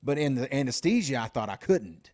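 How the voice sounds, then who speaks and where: A man's voice: mid-range voice, very animated, brisk, darkish tone. Rambling, cursing podcast co-host man. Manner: loose, profane, lots of fillers and repeats. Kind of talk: casual storytelling chat.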